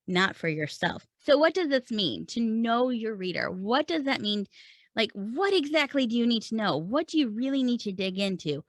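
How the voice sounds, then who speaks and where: With a medium-pitched voice and no echo, a woman who hosts a podcast and coaches writing talks listeners through an informal lesson step by step, posing questions and then answering them herself.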